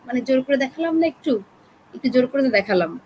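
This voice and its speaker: A woman with a Bangladeshi accent teaching an online class, chatty and coaxing, keeping her voice soft to spare her throat. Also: high voice, lively intonation, fast, a little hiss or hum, rough recording. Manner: chatty, coaxing, talks straight to learners.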